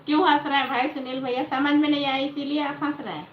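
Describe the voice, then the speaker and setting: A woman's voice: sits high, flat delivery, fast talker, slight background noise. A woman with an Awadhi Hindi accent hosting a live stream from home, chatting casually with viewers and answering their comments. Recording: roomy lo-fi phone audio.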